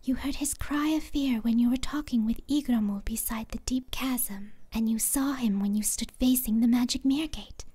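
Give the fantasy audiobook a serene, otherworldly empress with a childlike air, acted by a woman. Her voice sits fairly high and is very breathy, close to a whisper. She speaks gently and in measured phrases. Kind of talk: fantasy audiobook character dialogue.

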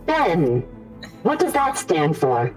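A woman voicing a small, old, curious robot navigator in a tabletop game, with a bright, wondering manner. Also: lowish voice, huge pitch swings, slow pace, far from the mic, faint music behind, exaggerated voice.

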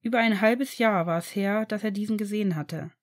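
A woman reading fan fiction aloud in an even storytelling narration. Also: medium pitch, brisk. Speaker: reader.

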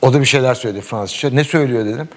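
A man's voice: mid-range voice, rapid-fire. A middle-aged man in casual talk, telling a long funny story, acting out the dialogue and laughing often. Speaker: sports commentator guest.

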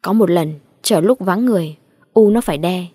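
Woman reading a slow dramatic ghost story. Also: on the low side, warm tone, dry recording. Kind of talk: scripted ghost story narration.

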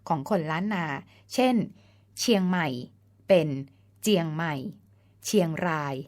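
A woman's voice: lowish voice, unhurried, a little mellow. A woman hosting a folk-tale channel, narrating a scripted story in a polite, explanatory way and sometimes spelling out words letter by letter. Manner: polite, explanatory, ends phrases with the particle ka.

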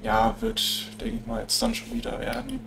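A German-accented man with a high voice and vocal fry, his nose stuffy from a cold, narrates a farming game at a moderate pace over background noise. As a let's play gamer, he keeps the commentary casual, relaxed and chatty, with frequent filler tags.

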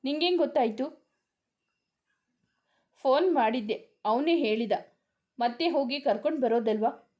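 A woman's voice: high-pitched, normal speed, pauses often, darkish tone, lightly acted. A woman voicing a loyal young male friend who asks urgent questions and reassures in an audio story. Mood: worried.

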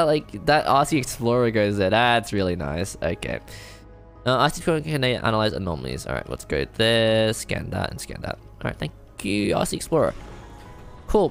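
A man giving casual let's-play commentary, thinking aloud, excitable and self-deprecating as he works things out. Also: fairly low pitch, creaky. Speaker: gamer playing a strategy game. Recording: faint game music behind.

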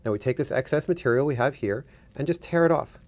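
A man's voice: mid-range voice, quick pace, darkish tone. A middle-aged man giving a casual hands-on tutorial, instructing step by step and repeating himself for emphasis. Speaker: demonstrator, guest.

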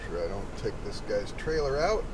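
A man's voice: lowish voice, very animated, normal speed. A middle-aged man, a truck driver, chatting casually and joking to himself while driving in his cab. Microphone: camera mounted in cab. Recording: loud road and engine noise.

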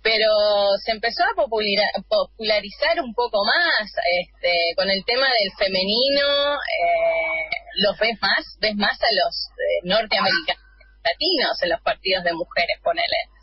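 A woman's voice: mid-range voice, animated, moderate pace, breathy edge. A woman with an Argentine accent, a guest in a casual radio interview, talking chattily with many hesitations and easy laughter. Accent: Argentine Spanish. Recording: dull lo-fi line with faint hiss.

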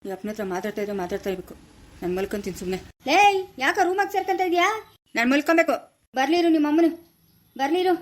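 A woman's voice: high-pitched, animated. A woman in an amateur family skit playing a stern grandfather who scolds his grown son. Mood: scolding. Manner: scolding, rapid and nagging.

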